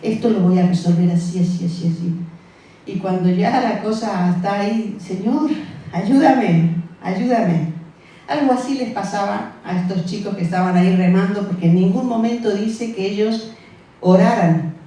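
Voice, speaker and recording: A woman's voice: mid-range voice, moderate pace, mellow, far from the mic. Woman preaching in an echoey church hall. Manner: conversational, acts out the disciples' voices, asks the congregation questions. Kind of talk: sermon.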